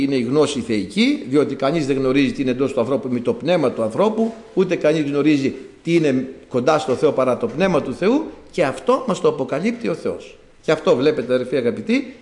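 A man preaching a sermon, retelling a Bible story in an animated way and acting out the characters' words. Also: medium pitch. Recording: echoey room.

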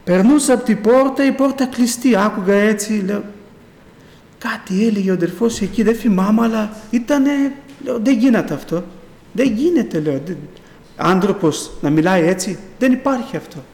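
High-voiced man telling a testimony. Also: animated, creaky, darkish tone. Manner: rambling retelling, keeps repeating "I say". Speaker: church member giving a testimony. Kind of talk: personal faith testimony. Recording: echoey hall with long reverb.

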